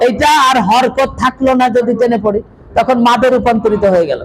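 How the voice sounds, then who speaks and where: A man teaching a class, calling out syllables loudly and chanting them slowly for his students to repeat. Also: extremely high pitch, steady tone. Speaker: Quran reading teacher. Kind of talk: classroom lesson, drilling letter sounds. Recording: noisy room with crowd of students.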